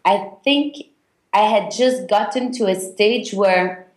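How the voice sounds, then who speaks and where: A woman from Belgium, a guest on a podcast interview, speaking reflectively and haltingly with many fillers. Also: mid-range voice, reverberant.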